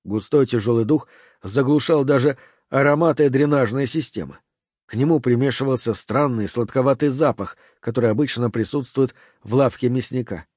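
A man narrating an audiobook with measured, tense storytelling. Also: medium pitch, darkish tone, dry recording, clean studio sound. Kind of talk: scripted narration.

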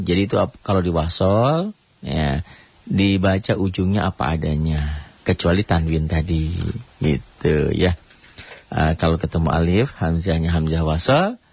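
A man with an Indonesian accent teaching a radio tajwid lesson, explaining casually and breaking into slow melodic Quran recitation. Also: low-pitched, slightly rough, no room sound. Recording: dull lo-fi radio recording.

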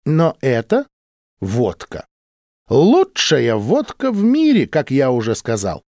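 A man's voice: medium pitch, wildly swooping pitch, slow pace, dark tone, no echo, studio quality, full character voice. A male narrator voicing a touchy, argumentative old doctor who speaks indignantly and insistently.

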